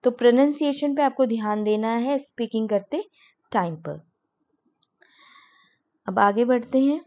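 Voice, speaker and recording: A woman teaching spoken English, who explains patiently and says each example sentence slowly. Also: fairly high pitch, muffled recording.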